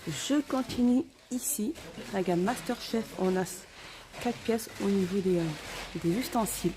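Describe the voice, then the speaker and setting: This shopping vlogger is a woman whose medium-pitched voice comes through a face mask, muffled, at a measured pace against a noisy background. She walks through a store giving informal, somewhat hesitant remarks on each item in turn.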